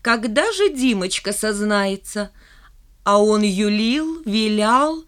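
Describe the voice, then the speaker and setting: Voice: medium pitch, expressive, takes it slowly, fairly bright tone, clean tone. A reader voicing a sly, mocking schoolgirl in an audiobook, teasing and challenging. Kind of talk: audiobook character reading.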